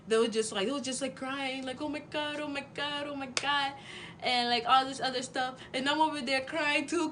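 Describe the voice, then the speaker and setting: A woman's voice: medium pitch, slight background noise. A young woman telling a personal story in a casual, chatty vlog, full of fillers. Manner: chatty and animated, with many fillers. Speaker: vlogger.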